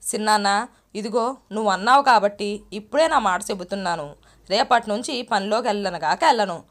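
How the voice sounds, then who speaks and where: A woman's voice: mid-range voice, a little fast, close to an everyday voice. A woman reading the part of a firm, resolute village wife and mother. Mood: defiant.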